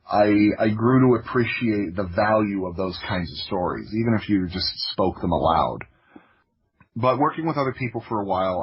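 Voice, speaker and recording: Here a podcast guest who makes audio dramas, an American from Florida, spins casual anecdotes, breaking off mid-thought and using plenty of "like." The lo-fi recording captures a slightly rough voice that sits on the low side.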